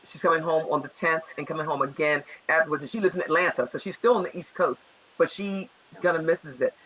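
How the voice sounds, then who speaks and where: A man with a Baltimore accent in casual talk show chat, energetic and a little rambling. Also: fairly high pitch, quick pace, lo-fi sound. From Baltimore area.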